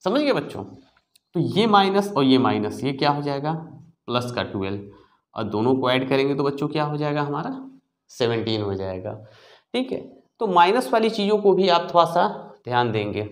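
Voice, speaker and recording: Lively maths teacher talking to students. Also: male voice, fairly high pitch, normal speed. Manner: explains step by step, checking with "ठीक है बच्चों"; asks the class questions and answers them himself. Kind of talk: classroom maths lesson.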